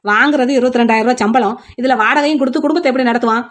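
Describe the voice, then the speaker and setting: A woman's voice: a little high, very fast, lightly acted. A woman voicing a spoiled, brash young man in a cartoon, dismissive and sneering.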